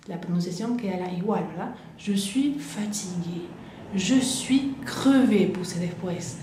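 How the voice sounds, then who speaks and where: A woman teaching French, patiently repeating each phrase slowly and explaining it. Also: medium pitch, mellow, slight background noise. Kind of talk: slow explanatory lesson. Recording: echoey room.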